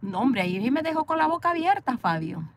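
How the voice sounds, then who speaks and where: Sitting in a parked car, a high-voiced Salvadoran woman chats with her livestream audience, reading their comments and playfully talking back while laughing often. Her speech is brisk, sing-song, and slightly rough.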